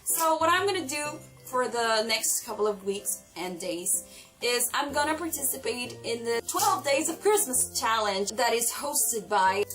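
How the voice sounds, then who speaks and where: An excitable young woman reviews her recent reads in a casual vlog, her slightly high voice bubbling with enthusiasm. She sounds a little distant from the microphone, with faint music playing underneath. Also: measured pace. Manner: gushing, excitable, animated. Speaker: book vlogger.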